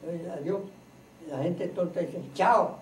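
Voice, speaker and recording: A man giving an informal spiritual teaching to a gathered group, slow and earnest, repeating and listing points like a preacher. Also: on the high side, very noisy. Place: room in a private home. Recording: roomy, distant home recording.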